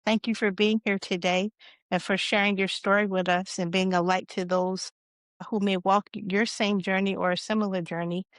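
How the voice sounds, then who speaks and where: A woman host leads a podcast interview in a warm, affirming way and sprinkles in a few "um"s. Her voice sits in a middle range, recorded close and dry. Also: mid-range voice, flat delivery, normal speed, no echo.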